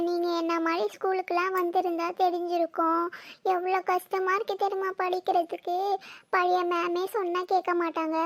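A woman voicing a scared, tearful schoolboy who whines and pleads slowly in a cartoon. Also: very high voice, no echo. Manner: whiny, pleading, slow.

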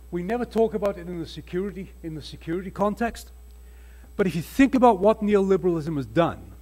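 This panel speaker is an older man with a husky Welsh accent and a high, slightly mellow voice. Seated at a conference hall panel table with a table microphone, he delivers an earnest, emphatic slide talk, restarting sentences now and then.

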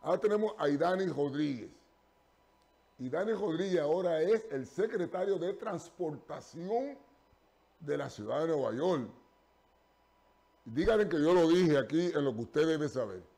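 A man's voice: a little high, animated, gravelly, mellow. An older man hosts a live TV call-in show from a studio and speaks into a lapel mic. His speech halts on fillers and restarts, then pushes into emphatic stretches. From Puerto Rico. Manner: halting, with many fillers and restarts, turning emphatic. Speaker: TV call-in show host and pastor.

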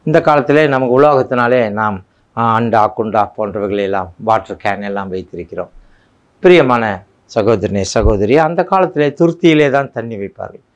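A male pastor preaching a devotional sermon, slow and emphatic, repeating phrases and pressing on key words. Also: on the low side. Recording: dull lo-fi recording.

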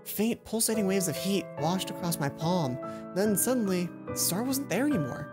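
With a voice that sits high and a moderate pace, a young adult man hosts a let's play. He reads the visual novel's narration aloud against game music and interjects his own over-the-top, expressive responses.

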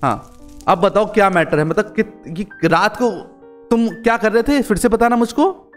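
Guy doing a game roleplay, super excitable, keeps shouting out, faint music behind. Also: high voice, normal speed. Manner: excitable, full of exclamations and fillers. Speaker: gaming channel host. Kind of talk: casual game role-play narration.

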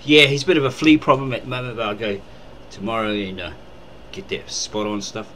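A man's voice: lowish voice, steady tone, fairly quick, bright, forceful tone, a little hiss or hum, rough recording. A man rambling casually in a birthday video, full of fillers, recorded indoors at home. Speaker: uncle making a birthday video.

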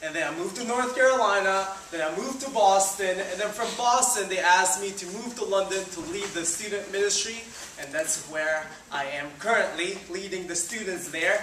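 His voice sits high and sharp, moving at normal speed with few pauses over slight background noise. He is a student ministry leader in his twenties from the Philippines, giving a chatty, upbeat informal sermon with many fillers on a church hall stage. The roomy hall audio comes from a distant camera, no mic seen.

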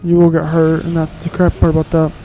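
A man's voice: fairly high pitch, monotone, fairly quick, over music, low-quality recording. A man giving casual, grumbling let's-play commentary while he plays, with sarcastic asides and casual swearing.

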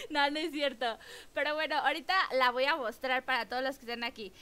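A young Mexican woman chatting excitedly with her viewers while streaming a game, exclaiming and bubbly. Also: high-pitched, brisk. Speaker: gaming streamer. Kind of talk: live-stream chat while gaming.

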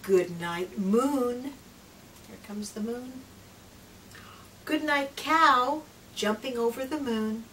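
In a small indoor room lined with picture books, a children's read-aloud presenter and trainer, a middle-aged woman with a voice on the high side, reads a picture book to young children. Her delivery is gentle and expressive, with drawn-out phrases, hushed whispers, and questions to listeners. A distant camera microphone picks up clear room noise.

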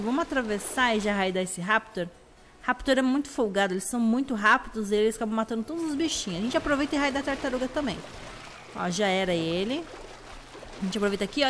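A young woman with a Brazilian Portuguese accent, chatting casually through her own gameplay. Her voice is slightly hoarse, and she talks excitably with sudden high shrieks. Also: slight background noise. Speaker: gameplay video host. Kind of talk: casual let's-play commentary.

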